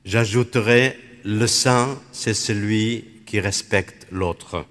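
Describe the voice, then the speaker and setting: In a hall, an Iraqi Dominican priest who grew up speaking Aramaic offers a slow, reflective spiritual meditation. He has a lowish, fairly bright voice and moves carefully through each phrase with measured contemplation.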